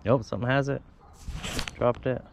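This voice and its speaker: Standing outdoors by a pond, this male fishing vlogger keeps up a casual running commentary on each cast and bite for his viewers. His medium-pitched voice is gravelly, with a steady tone and moderate pace. The head-mounted action camera gives dull, lo-fi outdoor sound with a bit of background noise.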